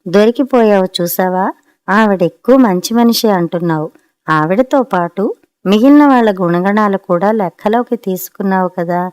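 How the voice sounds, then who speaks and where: A woman's voice: mid-range voice, moderate pace, smooth, lightly acted. A woman voicing an irritable, proud middle-aged husband who needles his wife in a storybook reading. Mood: sarcastic. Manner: sharp and needling.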